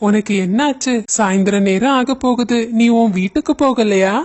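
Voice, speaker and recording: A performer voicing a kind, wise green mango that gently gives advice in a cartoon story. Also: mid-range voice, moderate pace, close to an everyday voice. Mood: soothing. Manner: gentle, soothing.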